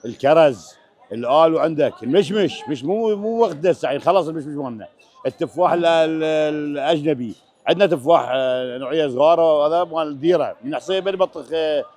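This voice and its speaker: Quick-talking Iraqi man, slightly high voice. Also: darkish tone. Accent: western Iraqi Arabic. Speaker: produce seller. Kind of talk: casual market interview.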